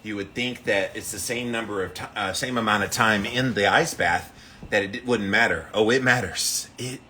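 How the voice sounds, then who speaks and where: A man with a bright, forceful voice hosts a casual livestream. He is upbeat, often repeats himself, and calls out viewers as he reads their comments. There is faint noise and outdoor ambience around him. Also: fairly low pitch, normal speed. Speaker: livestream host of a daily ice bath challenge.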